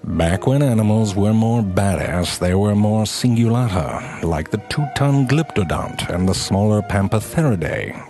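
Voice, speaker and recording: A mock-serious nature documentary narrator, put on by a man with an old-time Philadelphia accent that savors every syllable. He talks in a lowish voice that swoops all over, delivering crude jokes with grand dignity. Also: mellow.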